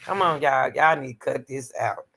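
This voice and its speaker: Animated woman reacting to a case. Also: very deep voice, moderate pace, gravelly, a little hiss or hum. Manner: animated, talks straight to the audience, exclaims and questions; breaks off reading to argue with the material. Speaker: true-crime commentary host. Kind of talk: casual commentary reading case details to viewers.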